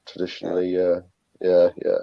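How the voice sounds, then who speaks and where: Casual chat, man from britain, lowish voice, laughs easy, dry dull sound. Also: monotone, normal speed, vocal fry, no echo. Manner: laughs often, chatty. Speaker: podcast co-host.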